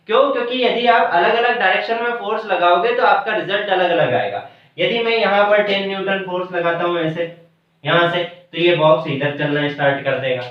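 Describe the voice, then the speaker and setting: A man teaching a math class, explaining step by step and answering his own questions. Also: high voice. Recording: echoey room from far, dull lo-fi sound.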